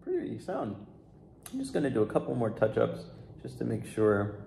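A young man in his twenties, a flute restorer, talking casually to the camera about his work in a relaxed way with fillers. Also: medium pitch, normal speed, vocal fry. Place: sunroom with large windows, indoors. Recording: echoey room with faint background noise.

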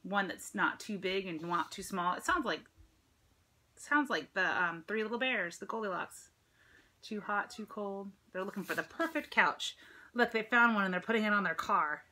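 A bright-voiced, middle-aged American woman, a teacher, reads a picture book to young listeners in a mid-range voice at normal speed. Her reading is expressive and exaggerated, full of chatty asides and questions to the kids. She's indoors at home near a dresser and ceiling fan, captured by a phone or tablet at arm's length.

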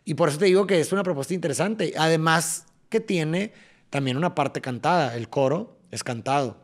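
Animated Mexican man with slightly high voice. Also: fairly quick. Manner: animated, rhythmic, tapping out syllables. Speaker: podcast guest. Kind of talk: casual conversational explanation.

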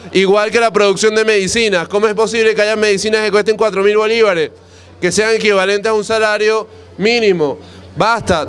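Fiery Venezuelan man at an outdoor rally. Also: high-pitched. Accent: Venezuelan Spanish. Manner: forceful, repetitive rallying cadence, gesturing hard. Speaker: activist speaking on street radio. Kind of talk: impassioned political speech. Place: outdoor plaza under a canopy. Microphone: handheld mic close to mouth.

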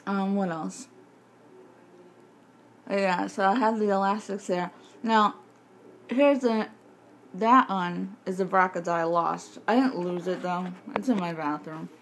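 A vlogger in her twenties or thirties shows her jaw surgery recovery, chatting casually to camera in her home kitchen. With a bite splint wired in her mouth slightly impeding her mid-range voice, she talks in a halting, rambling way, recorded on a handheld phone at arm's length with faint background noise.

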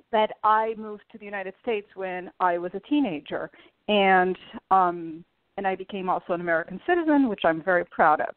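Female guest from Portugal, mid pitch, hesitant, tinny phone-quality line. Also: no room sound. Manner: hesitant, many fillers. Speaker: podcast guest. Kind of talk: remote interview.

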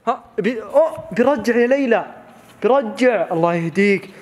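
A man giving rapid, playful, teasing commentary as he films his family. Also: high voice, expressive. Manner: rapid, playful, teasing narration with many calls and repeats. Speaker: family vlogger filming his child. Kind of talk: excited running commentary on a family video.

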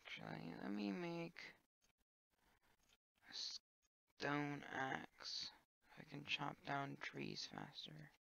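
A woman streaming a sandbox game, thinking aloud in a low-key, wry way with trailing filler words. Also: huge pitch swings, slow, gravelly, long pauses, a bit bright, dry recording. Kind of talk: casual gameplay commentary. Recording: dull lo-fi dry mic.

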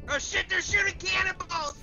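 A young player talking over voice chat in a game, excitable and quick to yelp or swear. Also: extremely high pitch, vocal fry, lo-fi sound, over loud music. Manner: excitable, yelps and swears in alarm. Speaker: gamer in voice chat. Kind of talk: casual gaming banter.

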